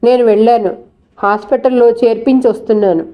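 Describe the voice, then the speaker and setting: Woman voicing a worried young man in a spoken novel, urgent, trembling, mellow tone, fairly high. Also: steady tone, brisk, close to an everyday voice.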